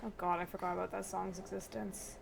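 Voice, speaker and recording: A woman streamer giving casual, excitable, sweary live commentary while she plays a video game. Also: mid-range voice, a little fast, creaky, noisy background. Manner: excitable, sweary, reacts out loud.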